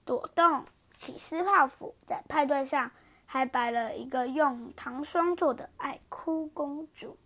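A woman reading a children's picture book aloud in an expressive, animated way. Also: high-pitched, measured pace. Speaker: storyteller.

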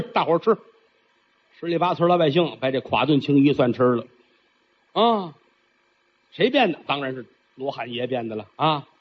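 A man's voice: on the high side, breathy edge. A man performing traditional storytelling, theatrical and chatty, with frequent asides to the listener. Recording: dull lo-fi recording.

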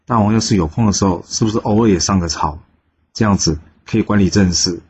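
A man hosting a storytelling channel, narrating a classical tale in a lively way and lightly voicing the characters in quotes. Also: on the low side, quick pace. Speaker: storyteller host. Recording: slightly dull recording with faint noise.

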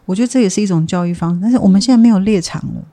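An adult reflects on parenting in an interview. The voice is mellow and sits in the middle of the range, and the thoughts come out carefully, often restarted mid-phrase. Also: medium pitch, rapid-fire. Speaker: community childcare organizer.

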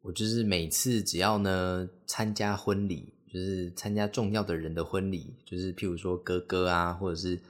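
A man's voice: deep voice, fairly even intonation, moderate pace, hardly any pauses. A young man hosts a solo podcast, telling stories in a rambling way, full of fillers and acted-out quotes. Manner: rambling, heavy on fillers, acts out quoted speech. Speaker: podcast host. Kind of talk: casual solo podcast storytelling.

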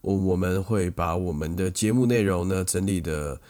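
A man's voice: low voice, moderate pace, darkish tone. A man with a Taiwanese Mandarin accent co-hosting a podcast in casual chat, with music playing. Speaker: podcast co-host.

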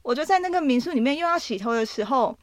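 A young woman with a Taiwanese Mandarin accent, co-hosting a podcast and recounting a dream in a casual, animated way that often breaks into laughter. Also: high voice, fast, dry recording. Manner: animated, laughs often while telling a story. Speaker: podcast co-host. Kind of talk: casual storytelling chat.

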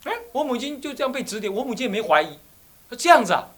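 A man in his thirties, a Buddhist abbot, giving a dharma talk full of animated personal stories and phrases. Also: very high-pitched, quick pace. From Taiwan. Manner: animated storytelling, slips into Taiwanese phrases.

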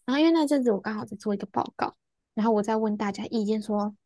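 A young adult woman, a student, chats casually on a podcast, telling a story punctuated by quick laughs and acting out what people said. Her voice is medium-pitched with a dark tone, and there's no echo.

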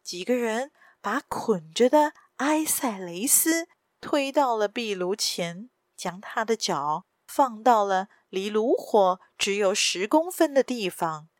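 A woman reading a story aloud as a podcast storyteller, steady and measured, close to the mic. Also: medium pitch, no room sound. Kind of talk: scripted story narration.

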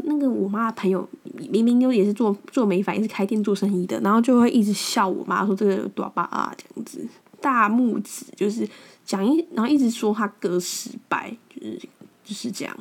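A young woman with a Taiwanese Mandarin accent, hosting a podcast and telling stories in a frank, blunt way, often repeating words as she restarts. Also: mid-range voice. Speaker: podcast host. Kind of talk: casual storytelling monologue.

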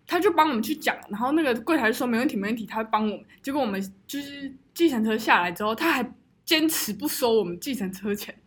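Young woman podcast co-host, Taiwanese Mandarin accent, rapid animated storytelling in a husky voice. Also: on the high side. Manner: animated storyteller, swears and laughs often. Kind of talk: casual chat.

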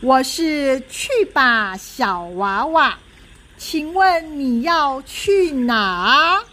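A woman's voice: high-pitched, lively intonation, drawn-out words, pushed and bright, exaggerated voice. A woman reading a children's storybook aloud, voicing a cheeky paper charm doll spirit with a pushy, teasing manner. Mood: cheerful.

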